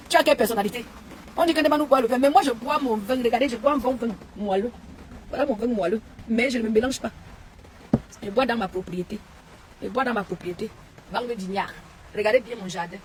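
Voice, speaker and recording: A woman rants into her phone in a live stream, her voice sitting a little high and her insults coming in repeated bursts. A faint hiss runs underneath her talk. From Cameroon. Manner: insulting, repetitive, heated. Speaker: online commentator. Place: home and garden.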